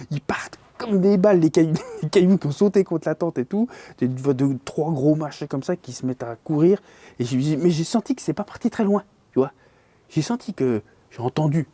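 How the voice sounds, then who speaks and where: With a slightly high, mellow voice, a man tells a spooky tale from a fishing trip, speaking as an angler sharing a story. It's colloquial and rambling, full of fillers, and he sometimes whispers at the tense points.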